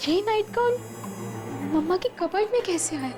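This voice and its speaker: A frightened young daughter, anxious and pleading. Her voice sits very high, with a clear music score running underneath in this TV horror drama. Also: lively intonation, normal speed. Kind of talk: Hindi TV horror drama acting.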